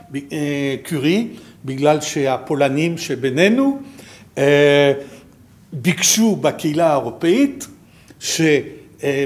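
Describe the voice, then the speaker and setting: A man with a French accent gives an informal slide presentation as a programme director, haltingly searching for his words. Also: on the high side, darkish tone.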